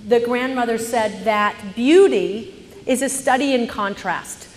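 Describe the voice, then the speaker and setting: A woman telling a personal story on stage, animated, swinging from hushed narration to loud indignation. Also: a little high, slow, in a large hall, faint music behind.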